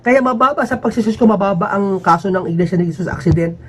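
A man talking casually to his viewers in a rambling, emphatic way, his pitch swinging up and down. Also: quick pace, a bit bright, a little hiss or hum. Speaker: vlogger.

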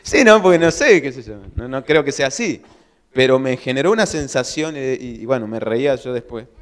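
A man preaching a sermon as pastor, telling stories in a lively way and acting out his own shouts. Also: mid-range voice, fairly quick. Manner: animated storytelling, acts out his own shouting. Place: church hall. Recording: long church hall reverb.

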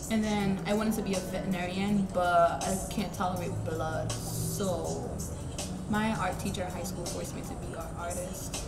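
A woman's voice: lowish voice, normal speed. Young woman in an echoey art studio. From Ghana. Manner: relaxed, candid, uses casual slang. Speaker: art student interviewee. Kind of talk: casual interview. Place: large indoor art studio. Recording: echoey studio with music behind.

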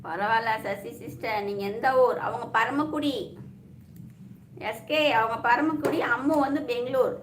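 A woman's voice: a little high, steady tone, a little slow. A woman from hosting a casual live stream, chatty and teasing as she greets viewers by name. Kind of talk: casual live chat reading viewer comments. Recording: echoey room with faint ambient noise.

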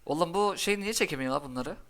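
A young man commentating his own game live, cheering his cards on and scolding the opponent in quick, excitable bursts. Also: on the high side. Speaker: gaming commentator.

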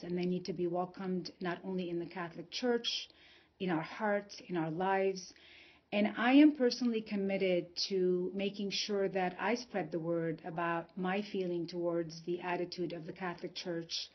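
Woman from Lebanon, earnest, lo-fi home video. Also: on the low side. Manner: earnest, measured, with many filler pauses. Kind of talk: personal testimony to camera. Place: indoor room at home. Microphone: phone or webcam close in front. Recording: dull lo-fi home video sound.

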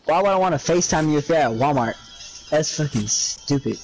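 A young man chatting casually while gaming, animated, slangy and profane. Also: a little high, brisk. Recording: music playing under voice.

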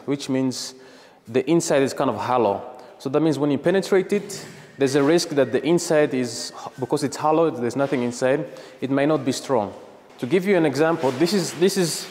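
A man's voice: fairly high pitch, darkish tone, long reverb tail, a little hiss or hum. A man in his thirties, a gym owner, explaining his renovation step by step in a casual vlog. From Rwanda. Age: 30s. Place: gym under construction, indoors.

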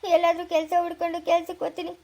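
A young man playing a remorseful son in an amateur village drama, softly comforting and apologizing to his father. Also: very high voice, monotone, racing. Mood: pleading. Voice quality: soft, pleading, apologetic.

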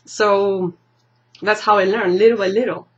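Speaking a little slowly in a mid-range, steady voice, this woman from Argentina is a thoughtful guest in a casual interview, quick to laugh and sometimes searching for words. The setting is an indoor library room lined with bookshelves, and the audio, from a camera mic at table distance, is soft, slightly dull lo-fi webcam quality.

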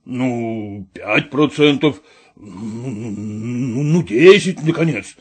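A man's voice: medium pitch, animated, extremely slow, husky, pitched below the performer's own voice, heavily acted. A man reading an audiobook, voicing a flustered, stingy older nobleman who haggles and stammers. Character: fussy elderly male nobleman, flustered and stingy.

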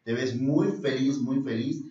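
Rambling Mexican doctor host, distant roomy sound. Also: male voice, mid-range voice, measured pace, dark tone. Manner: rambling and repetitive, often restarts phrases, fond of saying "eh" and "este". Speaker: naturopathic doctor and show host. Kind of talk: health advice talk show with product pitches. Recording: distant mic in a roomy space, dull sound.

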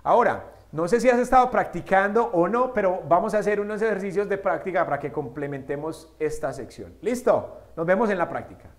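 A man teaching English grammar at a whiteboard, asking his students questions and answering them himself, slowing down for the English examples. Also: sits high, lively intonation. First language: Spanish. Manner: slows down to spell out English examples.

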